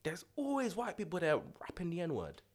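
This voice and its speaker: A young man with a London roadman accent, chatting casually with a friend in slangy, animated storytelling. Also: high-pitched, normal speed. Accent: London roadman, urban multicultural London slang. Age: young adult. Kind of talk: casual banter between friends.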